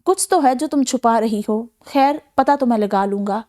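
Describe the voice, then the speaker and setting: A woman voicing a protective young husband from a novel, quick to anger and gentle with his wife. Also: extremely high pitch. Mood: tender. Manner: fierce then tender.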